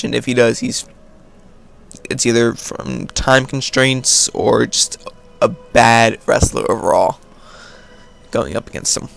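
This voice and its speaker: A man's voice: medium pitch, creaky, fairly bright tone. An American man hosting a casual question-and-answer video, reading viewer questions aloud and then answering in an offhand way. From United States. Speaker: video host. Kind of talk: casual Q&A vlog.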